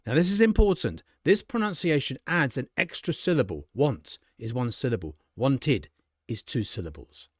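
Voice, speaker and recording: Lively British English teacher, man. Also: mid-range voice, slightly rough, dry recording, clean studio sound. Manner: slow, deliberate modeling of example words; frequent checking "okay?". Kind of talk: explanatory lesson.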